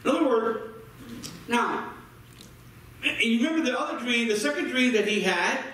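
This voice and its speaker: A man preaching with a high voice that rings through a very echoey sanctuary, picked up from well back in the room. He stacks repeated words as he builds each point and keeps calling on the congregation to respond. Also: lively intonation, normal speed, sharp tone, distant mic. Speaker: pastor. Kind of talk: sermon with call-and-response. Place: church sanctuary.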